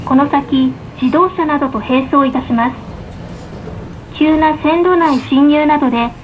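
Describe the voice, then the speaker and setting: Amid tram running noise, a noisy field recording captures a woman's scripted onboard announcement, read politely and with careful enunciation. Her voice sits high and her pace is measured, though the audio sounds dull.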